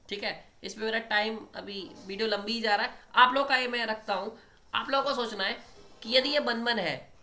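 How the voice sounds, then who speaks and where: A man's voice: sits high, pushed and bright. A man teaching a maths lecture, explaining step by step and often checking in with his students. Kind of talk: online exam-prep lecture at a board.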